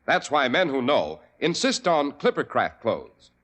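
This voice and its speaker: A man reading a sponsor ad as announcer on a 1940s radio show, with a smooth, persuasive delivery. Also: mid-range voice, big pitch swings, unhurried, a bit bright.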